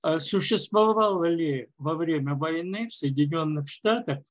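A man in an online meeting asking a polite, measured question. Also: a little high, lively intonation. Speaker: audience member asking a question. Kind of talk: asking a question on a video call.

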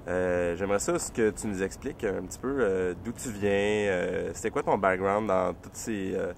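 A man with a Quebec French accent asking questions as an interviewer, hesitant and filling pauses with euh. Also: deep voice, creaky, a little hiss or hum.

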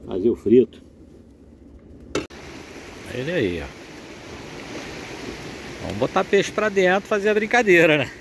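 A man's voice: a little high, huge pitch swings, measured pace, vocal fry, pauses often. A middle-aged man hosting a fishing vlog from a small boat at sea, chatting casually and joking as he narrates each catch. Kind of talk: casual chat while fishing. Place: small open boat on the sea by a rocky coast, outdoors. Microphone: action camera on the boat. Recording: outdoor boat recording with wind and water noise.

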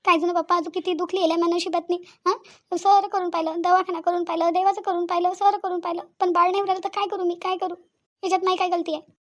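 A woman's voice: sits high, fairly even intonation, quick pace, natural voice. A woman voicing a tearful young married wife in a cartoon, pleading and sobbing, with a Vidarbha Marathi accent. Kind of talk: cartoon voice acting.

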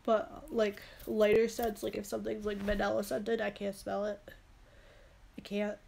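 This beauty vlogger, a young woman, is stuffed up with a head cold as she chats her way through a product haul, rambling and using lots of fillers. Her voice sits in the mid range, gravelly and a bit dark, delivered completely flat at a moderate pace. It's captured in a small room by a phone camera held close.

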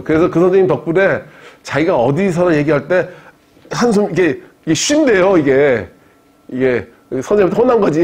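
A man lecturing on philosophy to a live audience, his voice sitting a bit high for a man. The tone is husky rather than clean. He talks in a lively, joking way, laughing along with his own stories. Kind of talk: university-style public lecture.

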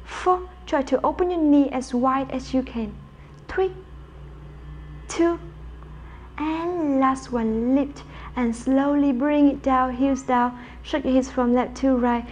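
A young woman with a high voice guides an exercise class, calling out short directive cues and counts. She encourages as she instructs. The recording is slightly dull and muffled. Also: a little mellow. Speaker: pilates instructor. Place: bright room at home with wooden floor, indoors.

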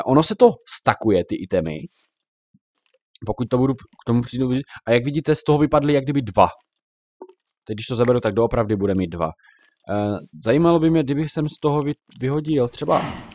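A young man giving casual, chatty commentary while showing a game, now and then reacting loudly to in-game creatures. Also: medium pitch, lively intonation, no echo. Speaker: Minecraft YouTuber.

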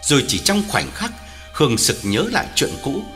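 Brief: male storyteller, ghost story, very lively pitch, hall reverb with music beneath. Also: moderate pace. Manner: dramatic, highly varied intonation.

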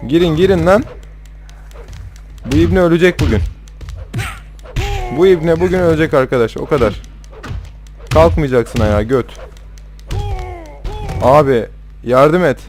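A man's voice: fairly high pitch, unhurried, long pauses, a little mellow, faint music behind. A young man commentating his own gameplay in casual talk, rowdy and swearing at the characters on screen. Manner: rowdy, swearing, trash-talking the game characters. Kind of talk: casual let's-play commentary.

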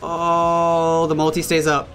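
Bright, excitable male game caster. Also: on the high side, faint music behind. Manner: excitable, quick reactions. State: hiccups. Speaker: esports caster. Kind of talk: solo esports play-by-play commentary.

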